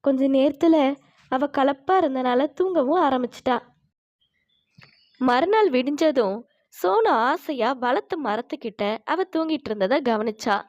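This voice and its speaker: Woman storybook narrator, fairly high voice, calm and even. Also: unhurried, lo-fi sound.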